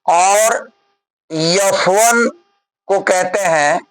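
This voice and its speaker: A male teacher giving a classroom physics lesson at a very unhurried pace. He dictates answers word by word and keeps putting questions to the class, with his voice at times sounding farther from the mic. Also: high voice.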